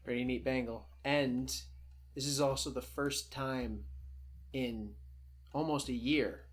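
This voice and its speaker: A man running a tabletop game, calmly describing the scene to the players. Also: mid-range voice, takes it slowly. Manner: calm descriptive narration. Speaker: game master.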